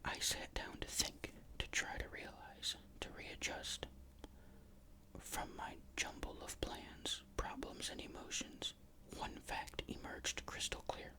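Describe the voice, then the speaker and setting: A narrator reading a ghost story in a breathy, unvoiced whisper, with measured, careful literary phrasing.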